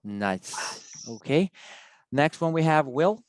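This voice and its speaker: A man's voice: on the high side, lively intonation, slow pace, smooth, dry recording, studio quality. A man hosting an informal online meeting and presentation over a video call. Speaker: meeting host.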